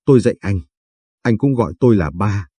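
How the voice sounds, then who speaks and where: Man voicing an angry old father-in-law, storybook reading, scolding tirades, low husky voice. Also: lively intonation, a little fast, warm tone, dry recording. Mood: stern. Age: older. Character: hot-tempered elderly father-in-law, scolding.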